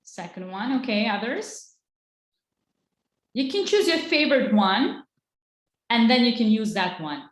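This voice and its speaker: A woman's voice: on the high side, sing-song, measured pace, pauses often, roomy sound. A woman, teaching an online English lesson in an encouraging way. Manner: encouraging, switches between English and Azerbaijani.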